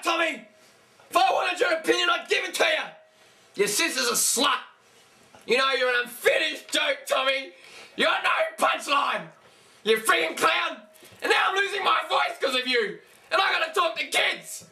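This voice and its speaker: Cartoon Santa, older and foul-mouthed, voiced by a man, high and sharp, yelling from a distance. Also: animated, slow, full character voice. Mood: furious. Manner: ranting, shouting, swearing. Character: foul-mouthed, hot-tempered male Santa Claus, older.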